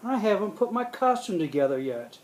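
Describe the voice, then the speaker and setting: Woman doing a cheerful cartoon mouse guy, eager, talks fast. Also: mid-range voice, big pitch swings, darkish tone, close to an everyday voice, low-quality recording. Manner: eager, quick exclamations.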